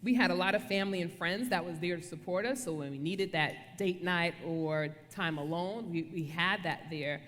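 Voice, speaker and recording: A woman's voice: lowish voice, normal speed, few pauses, a bit bright. Playful woman speaking in a reverberant room. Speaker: co-speaker in a couples' talk. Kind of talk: casual devotional talk on marriage.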